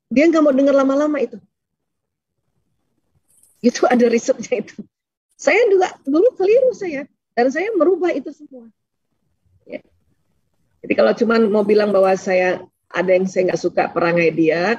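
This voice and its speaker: A woman's voice: fairly high pitch, breathy edge, dry recording, muffled recording. A woman religious teacher talking casually and answering questions, acting out little dialogues as she goes. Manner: lively, acts out little dialogues, laughs often.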